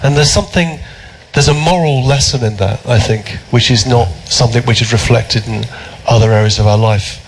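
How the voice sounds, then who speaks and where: A British man, a philosopher as guest at a public talk, speaking in an animated, chatty storytelling way with many fillers and restarts. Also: mid-range voice, normal speed, hardly any pauses, slight background noise, rough recording. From Britain.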